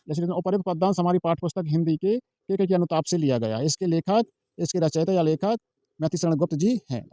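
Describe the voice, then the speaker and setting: Male exam tutor, quick and repetitive, slightly high and mellow, talking through a page line by line. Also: no room sound, studio quality. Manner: repetitive, asks and answers his own questions; walks through a page, pointing at lines. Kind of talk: informal exam-prep tutorial.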